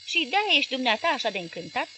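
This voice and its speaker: Reading an audiobook, a woman voices an outraged middle-aged newspaper owner firing off sharp, exasperated questions. Her delivery is indignant and sing-song, fairly high and louder than the surrounding narration, over a noisy background.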